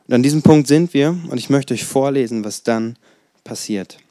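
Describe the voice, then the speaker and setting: Ein Mann in seinen Zwanzigern, der locker und erzählend predigt und dabei rhetorische Fragen stellt. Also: male voice, medium pitch, normal speed, dark tone. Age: 20s. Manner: conversational, storytelling, rhetorical questions. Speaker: preacher. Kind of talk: casual sermon.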